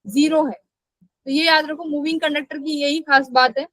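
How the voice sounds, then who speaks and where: High-pitched lady teaching physics live, keeps asking students then answering herself, dry close sound. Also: fairly even intonation, moderate pace, fairly bright tone, no room sound, poor audio. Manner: asks students questions and answers them herself; scolding when students skip class. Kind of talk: live online class lecture.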